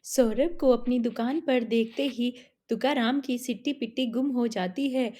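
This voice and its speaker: A woman narrates a cartoon story in a plain, even way. Her voice is high but dark and mellow. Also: a little slow.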